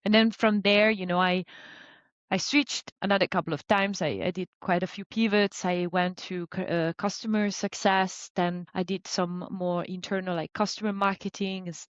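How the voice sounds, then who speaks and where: A woman in her thirties from Italy, a business coach talking about her career in a relaxed, chatty way with many fillers. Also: medium pitch, moderate pace, dry recording, lo-fi sound. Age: 30s. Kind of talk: conversational interview.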